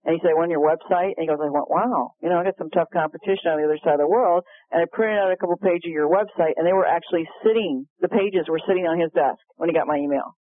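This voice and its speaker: A woman guest speaker telling a story on a call-in show, animated and quick to laugh. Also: fairly low pitch, no room sound. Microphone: telephone. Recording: tinny phone line, dry.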